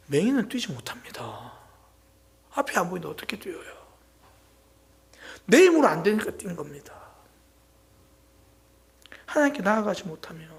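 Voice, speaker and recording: A man preaching a sermon as pastor at a Friday prayer meeting, swinging between loud exclamations and hushed whispers. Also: high voice. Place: church sanctuary.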